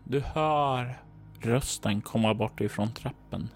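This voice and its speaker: A man narrating as game master, describing scenes to the player in a calm second-person voice. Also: mid-range voice, slight background noise. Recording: faint music behind.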